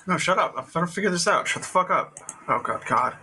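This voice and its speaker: A man's voice: high-pitched, lively intonation, fast talker, pushed and bright, a little hiss or hum. A man co-hosting a podcast in casual chat, flustered and swearing, his voice clipping and distorted through a mic with a voice modifier left on. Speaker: podcast co-host.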